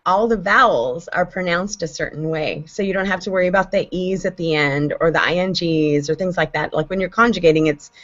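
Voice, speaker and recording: A woman chatting casually on a homeschool panel, explaining things with animated, talkative energy. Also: on the low side. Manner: chatty, animated when explaining, spells out letters. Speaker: homeschooling parent, panel host. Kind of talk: casual online panel chat. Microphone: video call. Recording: dull lo-fi video call audio.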